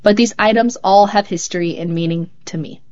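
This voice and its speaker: Hosting a show, a mid-range-voiced woman reads poems and essays by young writers in a calm, measured read-aloud style. The sound is a little muffled and dull.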